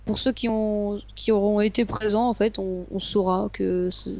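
A woman chatting casually while playing a game with a friend, excitable and playful, dropping in English gaming slang. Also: medium pitch, normal speed, vocal fry. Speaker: gamer co-host. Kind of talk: casual gameplay commentary.

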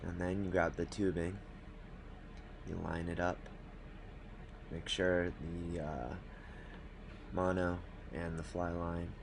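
Seated at a desk in a small indoor room, a fly fishing tutorial host talks viewers through tying a fishing knot one step at a time. His low voice stays calm, matter-of-fact and unhurried, with background noise audible behind him.

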